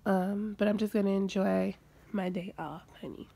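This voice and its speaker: A woman's voice: mid-range voice, fairly even intonation, normal speed, gravelly, warm tone, slightly rough. A woman in her late twenties chatting casually in a vlog, sassy and talkative, calling viewers honey, with a stuffy nasal voice. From United States. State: nasal congestion. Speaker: vlogger. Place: at home.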